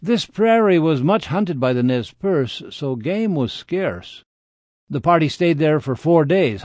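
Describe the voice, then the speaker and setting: A man's voice: mid-range voice, darkish tone, no echo. A man reading scripted history as a radio documentary narrator.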